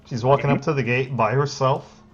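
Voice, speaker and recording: A male game master narrating a tabletop session in a loose, easygoing way, trailing into fillers as he goes. His voice sits at an ordinary middle pitch. The audio is dull and lo-fi, like voice chat. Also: steady tone, a little fast, soft background music. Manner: laughs often, loose, filler-heavy narration. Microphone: online voice chat.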